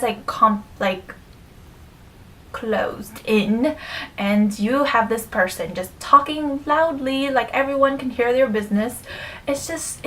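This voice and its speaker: Young female vlogger, casual filler-heavy chat, slightly raised pitch, mic set back with a faint hiss. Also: a bit bright, recorded from a distance, low-quality recording. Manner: chatty, many fillers, drops to near whisper.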